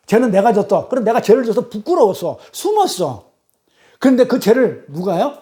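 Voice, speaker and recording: A woman preacher with a mellow, mid-range voice delivers a teaching sermon at a church service. She keeps quizzing the congregation with rhetorical questions and reads scripture and transliterated Hebrew slowly and deliberately.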